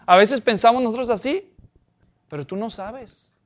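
A man's voice: very high-pitched, normal speed. Man, pastor, sermon, emphatic, asks the congregation questions, muffled sound.

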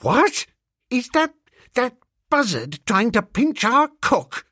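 Audiobook: male reader playing a high, quivering young toff, melodramatic and easily panicked, husky-edged. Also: sing-song, moderate pace, no echo, clean studio sound. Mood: outraged. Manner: high, breathless, quivering pleading. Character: flustered young gentleman, excitable and melodramatic.

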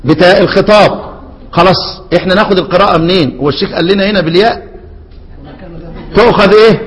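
High-voiced Egyptian sheikh teaching in a hall. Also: male voice. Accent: Egyptian Arabic. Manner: questioning students, answering his own prompts; slow measured recitation of quoted verses. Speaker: Quran recitation teacher. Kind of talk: classroom lesson explaining a classical text. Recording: long hall reverb.

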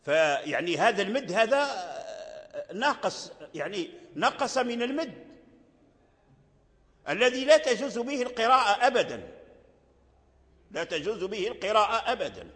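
Older guy teaching recitation, slow and repetitive, chants bits, highish voice, big echoey hall. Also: big pitch swings, a bit bright. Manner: slow, repeats phrases, chants verses. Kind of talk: religious lesson on recitation rules. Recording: long hall reverb.

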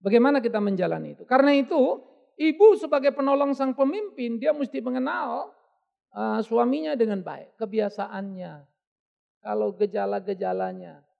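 Male pastor, gravelly voice, animated sermon delivery, dull lo-fi tape. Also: very high-pitched, normal speed. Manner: lively, conversational preaching with quoted asides. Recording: dull lo-fi audio.

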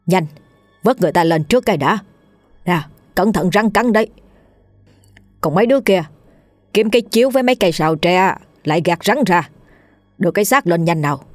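A woman's voice: lowish voice, expressive, brisk, pauses often, no room sound, clean studio sound, lightly acted. A woman voicing a bossy middle-aged male village chief who barks orders at the villagers. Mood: commanding. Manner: commanding, barking orders.

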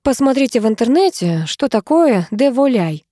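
A woman's voice: fairly high pitch, big pitch swings, moderate pace, warm tone, no room sound, voice pushed up. A woman voicing a sarcastic female companion who speaks in a dry, matter-of-fact way.

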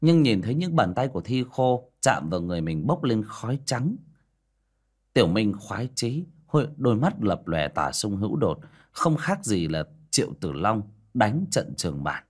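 Lively low-voiced male storyteller. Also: normal speed, slightly rough. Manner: animated, dramatic reading. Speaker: audiobook narrator. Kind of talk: storytelling narration.

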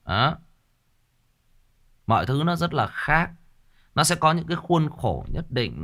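A man hosting a livestream, giving rambling big-brotherly advice that swings from soft to loud. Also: medium pitch. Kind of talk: casual livestream monologue.

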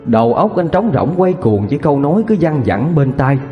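A man with a Southern Vietnamese accent narrating a scripted horror story in a steady manner. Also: on the high side, a little fast, dull audio. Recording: long reverb with faint music.

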